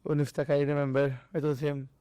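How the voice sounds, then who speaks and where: Racing through his stories with a flat delivery, a Maltese boxer and boxing trainer chats as an interview guest, acting out dialogue and impact sounds. His broken, non-native English is mixed with Maltese. The voice is on the high side, mellow, clear and resonant, and the recording is very dry.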